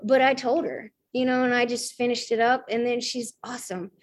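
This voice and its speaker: Speaking briskly in a fairly high, fairly even voice, a Southern woman recounts her life at a recovery meeting. She's chatty and self-mocking, leaning on fillers and little quoted reenactments.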